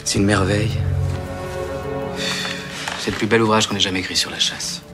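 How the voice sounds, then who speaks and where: Actor as a period nobleman, lowish hushed voice, big music under it. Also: fairly even intonation, moderate pace, natural voice. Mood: intimate. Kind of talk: film dialogue.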